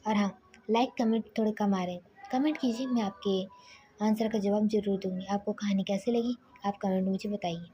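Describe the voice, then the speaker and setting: A woman's voice: mid-range voice, steady tone, fairly quick, dark tone, dull audio, soft background music. A woman narrating a spoken story casually, often restarting her sentences and sometimes whispering. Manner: loose, self-correcting, partly whispered.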